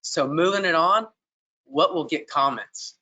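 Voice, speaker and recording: Bright-voiced man explaining marketing tips. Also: fairly high pitch, unhurried, highs cut off. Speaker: webinar co-host. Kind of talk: marketing webinar talk.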